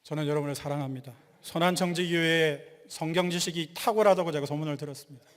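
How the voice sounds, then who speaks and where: A male pastor giving a lively sermon, quizzing the congregation and joking with them. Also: a little high, quick pace. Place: church sanctuary. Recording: long hall reverb.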